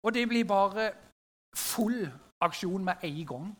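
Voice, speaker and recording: A middle-aged man telling a story to a gathered audience in a conversational way, often turning to his listeners with little questions. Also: high-pitched.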